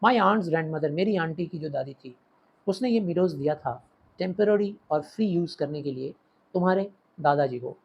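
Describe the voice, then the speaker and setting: The recording is muffled, but you can hear a man with an Indian English accent and a somewhat high, breathy-edged voice. He speaks at normal speed in an animated way, teaching a play line by line and switching between Hindi and English in a literature lesson.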